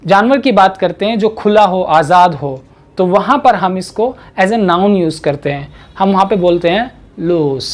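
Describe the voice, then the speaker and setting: Woman teaching english sounds in hindi, says example sentences real slow, repeats words a lot. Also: medium pitch, a little mellow. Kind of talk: pronunciation lesson.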